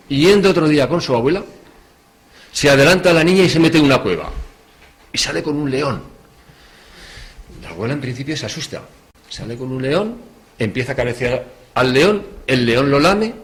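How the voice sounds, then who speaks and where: A man giving a talk in a hotel meeting room, telling stories with lively swings between loud stress and quiet asides. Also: medium pitch. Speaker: speaker at a religious talk. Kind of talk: storytelling talk.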